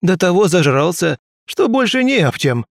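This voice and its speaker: A man voicing a rough, hoarse middle-aged drunk who talks in coarse, mocking folksy speech. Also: high voice, very animated, moderate pace, no room sound, clean studio sound, voice pushed up, exaggerated voice. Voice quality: hoarse, crow-like.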